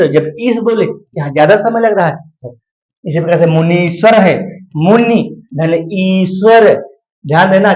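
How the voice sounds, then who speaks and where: Male teacher, high voice, walks through a grammar lesson slowly, asks and answers himself; dull, echoey recording. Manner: explains step by step, splits words slowly, asks and answers himself. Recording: roomy, dull lo-fi sound.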